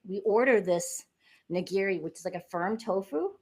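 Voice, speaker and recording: A woman's voice: mid-range voice, moderate pace, slightly rough. A middle-aged woman from the United States, a podcast guest chatting casually and explaining things step by step with a few fillers. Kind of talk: casual interview chat.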